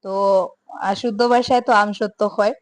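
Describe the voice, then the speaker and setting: A young woman with a Sylheti accent, chatting casually through her home vlog and filling pauses with little hesitation sounds. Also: a little high, fairly even intonation, no echo. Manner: chatty, mixes Sylheti and standard Bengali, many filler sounds. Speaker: home vlogger.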